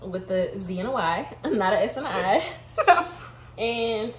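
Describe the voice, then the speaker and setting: A woman's voice: medium pitch, lively intonation, measured pace. A young woman from Houston talks in a laid-back, candid way with easy laughs. Her voice rings in a roomy space with a faint hum of ambience behind her. She sounds like a college sophomore chatting with a friend on camera. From Houston, Texas. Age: young adult. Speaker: vlogger. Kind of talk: casual chat.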